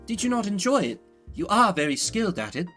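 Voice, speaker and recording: A man voicing a polite, reserved prosecutor in a video game, speaking with measured formality and quiet concern. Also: high voice, sing-song, faint music behind, exaggerated voice. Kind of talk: visual novel game acting.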